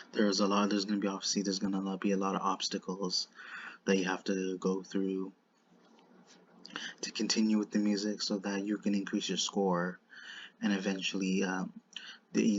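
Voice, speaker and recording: Man, flat intonation, husky voice, lisp with whistling s, halting repetitive delivery, off-the-cuff commentary. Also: lowish voice, highs cut off. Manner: halting and repetitive, circling back over phrases. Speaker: online commentator. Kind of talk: unscripted commentary.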